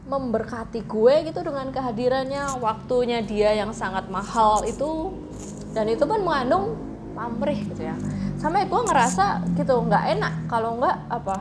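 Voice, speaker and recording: A woman explaining things in a casual, informal chat, mixing in English phrases. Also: a little high. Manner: informal, mixes English phrases into her talk. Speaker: host explaining psychology with personal stories. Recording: clear background noise.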